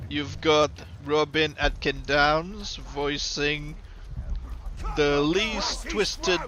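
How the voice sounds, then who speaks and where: A man giving casual, rambling gameplay commentary in a halting manner, as a streamer would. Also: on the high side, a crowd in the background. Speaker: game streamer.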